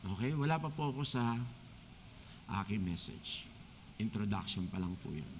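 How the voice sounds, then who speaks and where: A man with a Filipino accent preaching a sermon as a deacon, joking and animated, slipping English phrases into his talk. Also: lowish voice, moderate pace, a little hiss or hum. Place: church hall. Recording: long church hall reverb.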